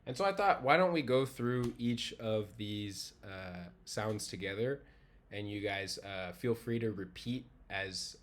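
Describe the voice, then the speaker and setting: Male teacher, lowish voice, relaxed online lecture, slows down to model each word. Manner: casual, demonstrates pronunciation by repeating words slowly. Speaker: language teacher.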